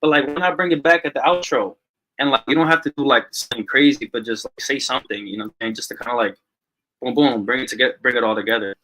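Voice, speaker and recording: Bright chatty male music reviewer. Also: mid-range voice, quick pace, slight background noise, low-quality recording. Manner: loose and chatty, leans on "you know what I'm saying". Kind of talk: casual review chat on a live stream. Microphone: online call.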